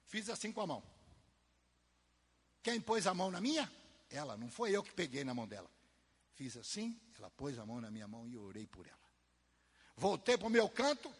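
Husky, animated man preaching in a hall. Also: high voice. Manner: animated storytelling, swinging from soft asides to loud emphasis. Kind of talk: testimony sermon. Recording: long hall reverb.

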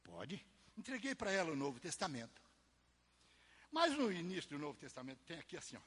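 A man preaching a testimony sermon, telling a story in an animated way, swinging from soft asides to loud emphasis, with a husky voice. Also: a little high, brisk. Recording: long hall reverb.

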